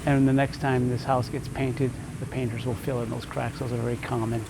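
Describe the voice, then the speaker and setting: A man's voice: mid-range voice, completely flat delivery, a little fast, gravelly, background noise. A man walking through a house, garage and yard, giving an easygoing home tour and thinking aloud as he goes.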